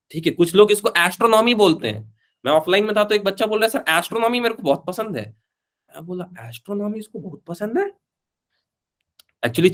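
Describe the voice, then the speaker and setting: Guy teaching physics online, kinda high voice, chatty, keeps calling the kids beta and mixing in english. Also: a bit bright. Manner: chatty, calls students beta, mixes Hindi and English. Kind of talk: live online class lecture.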